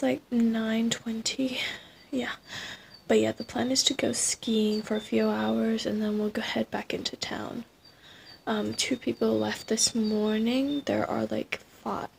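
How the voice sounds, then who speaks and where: A woman's voice: on the high side, vocal fry, a little hiss or hum. A young woman vlogging in a casual, chatty way, filling her talk with "like". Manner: chatty, peppered with "like". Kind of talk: casual vlog chat.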